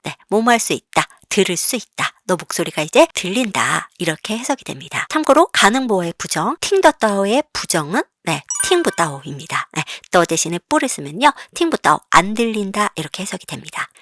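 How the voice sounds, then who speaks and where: Lively woman teaching, bright dry voice. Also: mid-range voice, dry recording. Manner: lively, asks questions and answers them herself; reads Chinese example sentences slowly and clearly. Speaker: Chinese language teacher. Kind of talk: online lesson, explaining example sentences.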